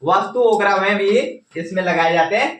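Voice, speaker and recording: A male teacher giving a classroom grammar lesson, drilling his students with quick call-and-response questions. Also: high-pitched, a bit bright, a little hiss or hum. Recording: echoey classroom from far off.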